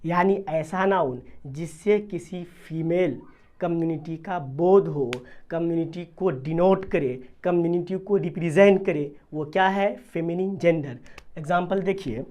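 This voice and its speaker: A grammar teacher talks through a video lesson in a steady, repetitive way. Each point is put to the class as a question and then answered. The English definitions are read out carefully, one word at a time. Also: medium pitch, unhurried, lo-fi sound. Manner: asks the class questions and answers them, repeating key terms. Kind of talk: classroom-style video lesson in Hindi mixed with English terms.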